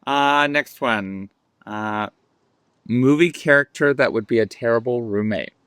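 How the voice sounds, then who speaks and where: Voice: mid-range voice, unhurried, fairly bright tone, smooth, no room sound, clean studio sound. An interviewer in a casual chat, giving brief prompts and short reactions.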